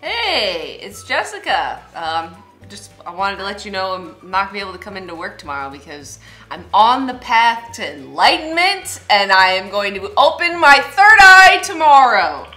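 A young woman talks casually on a prank call. Her voice is bright and lively in pitch, at a middle height. She rambles through her explanations with a deadpan delivery. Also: moderate pace, few pauses, faint music behind. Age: young adult. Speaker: prank caller and show host. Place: small indoor room, seated at a table.

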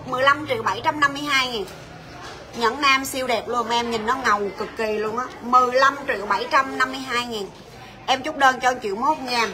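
High, bright saleswoman. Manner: rapid, coaxing sales patter calling out prices. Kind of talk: livestream sales pitch.

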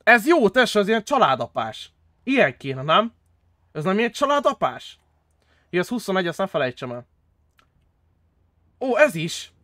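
A young man streaming a role-play game, chatting casually and excitably with friends, swearing often and jumping into high squeals. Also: long pauses, no echo, clean studio sound. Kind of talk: casual gaming chat with friends.

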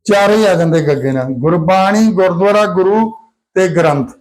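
ਇੱਕ ਪੁਰਸ਼ ਅਧਿਆਪਕ ਕਲਾਸ ਨੂੰ ਗੁਰਮੁਖੀ ਅੱਖਰ ਸਿਖਾਉਂਦਾ ਹੈ, ਧੀਰਜ ਨਾਲ ਅੱਖਰ ਦੁਹਰਾਉਂਦਾ ਹੈ ਅਤੇ ਬੱਚਿਆਂ ਤੋਂ ਜਵਾਬ ਬੁਲਵਾਉਂਦਾ ਹੈ।. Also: male voice, sits high, moderate pace, a crowd in the background, low-quality recording. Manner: patient, repeats letters and prompts pupils to answer. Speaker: Punjabi alphabet teacher. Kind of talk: classroom lesson with call-and-response.

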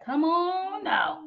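Her voice very high with a touch of vocal fry, a young Texan woman who teaches children's storytime reads a picture book to small kids in an exaggerated, theatrical sing-song. The webcam recording from her small decorated room at home sounds dull and a bit muffled, with slight background noise.

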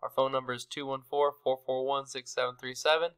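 A man's voice: mid-range voice, level tone, a little fast, fairly bright tone, smooth, low-quality recording. A young man from Texas walking a client through website marketing tips in a casual, friendly screen-share, with fillers. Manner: friendly, conversational, many fillers.

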